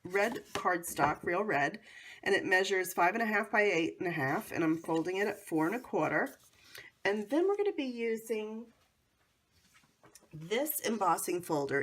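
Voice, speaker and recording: An American woman with a hoarse, cold-affected voice hosts a casual how-to craft demonstration in a chatty, enthusiastic way. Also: mid-range voice, a bit bright. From North Carolina, United States. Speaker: craft tutorial host.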